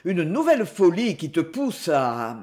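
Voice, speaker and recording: A woman reading an audiobook, voicing a gentle, anxious old banker who implores his daughter. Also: on the low side, sing-song, measured pace. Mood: tender.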